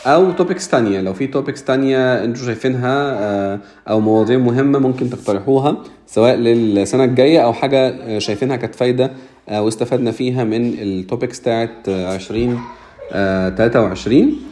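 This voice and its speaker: A man's voice: medium pitch, fast, mellow, a little hiss or hum. A man with an Egyptian Arabic accent, hosting a casual discussion and mixing English business terms into his speech. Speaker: host of a live audio discussion.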